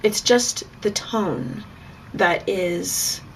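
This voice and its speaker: Frank, gravelly-voiced woman vlogging. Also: mid-range voice, drawn-out words, a little hiss or hum. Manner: frank, chatty, with bursts of laughter. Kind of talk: casual candid vlog monologue.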